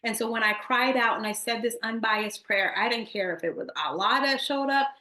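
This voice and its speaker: Speaking directly to her viewers, a woman in her thirties shares an earnest, emotional faith testimony. Her voice is on the high side with a sharp tone and a moderate pace, recorded in an echoey room.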